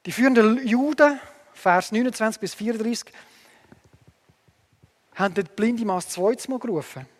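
Man, sermon, earnest, emphatic then hushed, high voice, long hall echo. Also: normal speed, pauses often. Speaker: preacher.

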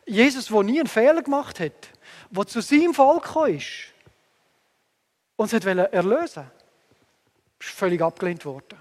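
A man preaching a sermon earnestly, moving between emphatic lines and hushed asides, with long hall reverb. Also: high-pitched, sing-song, normal speed, long pauses.

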